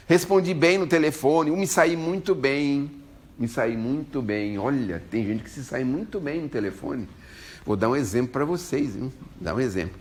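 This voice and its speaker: A man with a Brazilian Portuguese accent giving an informal spiritual talk, joking and chatting with his listeners. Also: fairly high pitch. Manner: jokey, animated, chats with listeners. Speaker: spiritual lecturer.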